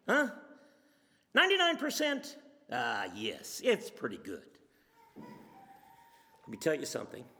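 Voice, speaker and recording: Male preacher, high bright voice, lively storytelling, long hall reverb. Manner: storytelling, dramatic shifts in pitch and pace. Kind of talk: sermon.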